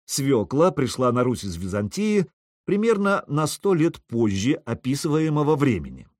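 A man's voice: medium pitch, very animated, normal speed, darkish tone, dry recording, clean studio sound. Wry male audiobook narrator. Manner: wry, ironic. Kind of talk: first-person audiobook narration.

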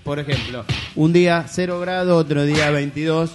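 A man's voice: fairly high pitch, normal speed, over music. An Argentine man hosting a radio show with casual, joking banter.

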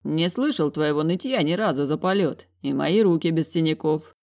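A man narrating a first-person audiobook in a calm, gentle, reassuring way. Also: fairly high pitch, moderate pace.

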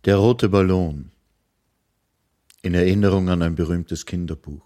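Male storyteller, low voice, calm measured reading for kids. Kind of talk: storybook narration for children.

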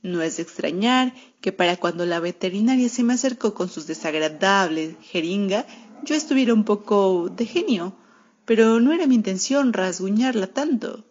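A woman's voice: mid-range voice, animated, moderate pace, darkish tone. A woman reading a children's story aloud for radio, narrating in a wry, sardonic first-person cat voice. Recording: muffled lo-fi radio recording.

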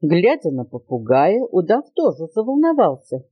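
An older woman reads a children's tale at home with an expressive, storytelling touch. Her pitch rises and falls with animation, and the voice sits close and dry. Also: normal speed, slightly rough, no echo, muffled recording. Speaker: grandmother reading to her grandson.

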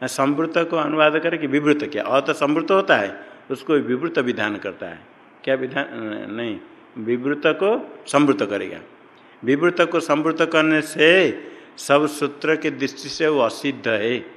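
A man lectures on Sanskrit grammar at a slow, deliberate pace. He poses questions and answers them himself, and slips into chanting the rules. His voice carries a long reverb, as in a large hall. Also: fairly high pitch, a bit bright. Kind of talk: classroom lecture.

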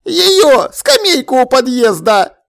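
A man doing a gravelly, nosy old neighbor lady. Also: very high-pitched, big pitch swings, a bit bright, pitched above the performer's own voice, exaggerated voice. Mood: conspiratorial. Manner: conspiratorial, scolding, drawn-out exclamations. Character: nosy fussy elderly woman neighbor, gossiping. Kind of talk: audiobook character voice.

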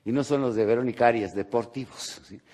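A Mexican man giving a motivational lecture, animated and rhetorical, tagging his points with quick questions to the audience. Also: medium pitch. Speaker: motivational speaker.

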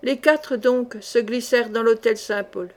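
A woman reading a novel aloud as an audiobook narrator, in a measured, dramatic storytelling manner. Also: fairly high pitch, darkish tone. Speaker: audiobook reader.

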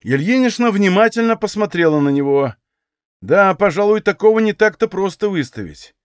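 A man reading a novel aloud in measured, expressive storytelling narration. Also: sits high, clean tone, dry recording, studio quality. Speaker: audiobook reader. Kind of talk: literary audiobook narration.

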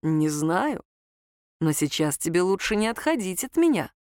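A woman's voice: sing-song, normal speed, no echo, studio quality. Woman voicing a cocky, teasing young man. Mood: playful. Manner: low purring teasing delivery.

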